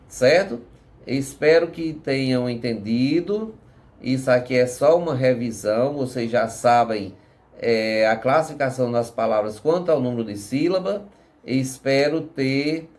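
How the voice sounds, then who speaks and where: Slow, patient teacher man. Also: medium pitch. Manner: slow, patient, checks in with frequent tag questions. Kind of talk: recorded home lesson for children.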